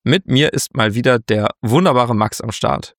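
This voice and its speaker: A man co-hosting a casual board game news podcast, relaxed and chatty, laughing often. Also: medium pitch, normal speed, no room sound, clean studio sound. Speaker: podcast co-host.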